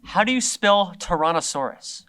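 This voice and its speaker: A man plays a fussy, insistent interviewer in a comedy sketch. His voice is highish and sharp. He repeats himself emphatically. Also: expressive, normal speed, clear, resonant tone. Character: fussy, insistent male co-interviewer with strict standards.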